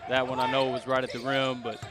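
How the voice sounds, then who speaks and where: A man's voice: mid-range voice, level tone, fast talker. A man giving basketball color commentary, emphatic and full of praise for the players. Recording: loud arena crowd behind. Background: crowd noise, basketball bounces.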